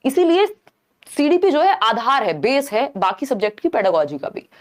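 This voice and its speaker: A woman with a slightly high voice teaches a live online exam-prep class. She breaks each point down step by step, mixing in English terms and pausing often to check that her listeners are following. The voice sits close to the mic. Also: very animated.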